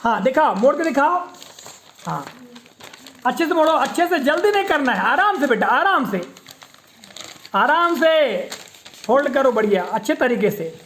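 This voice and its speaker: A woman teaching young children in a classroom, coaxing them and repeating words slowly for them to say back. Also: high voice, big pitch swings, fairly bright tone, slight background noise. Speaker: primary school teacher.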